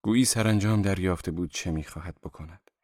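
A man with a very low voice narrates an audiobook in a steady, measured way. The sound is dry and close to the mic, with no room echo.

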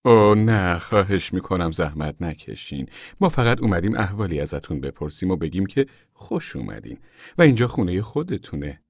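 A man's voice: mid-range voice, animated, darkish tone, no room sound, studio quality, pitched above the performer's own voice, natural voice. A man voicing a prim, chatty woman on a camp committee who speaks formally and eagerly chimes in. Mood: polite.

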